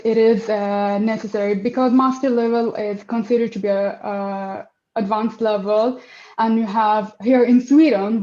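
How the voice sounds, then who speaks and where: A project manager in her twenties, originally from Afghanistan, answers interview questions hesitantly, with many fillers and restarts. Her voice is a little high and mellow, and the audio is reverberant and dull.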